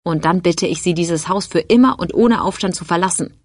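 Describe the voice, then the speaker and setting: A woman's voice: on the low side, a little fast, slightly rough, no room sound, clean studio sound. A woman reading aloud, voicing a slick male personnel manager who talks in a formal, placating way.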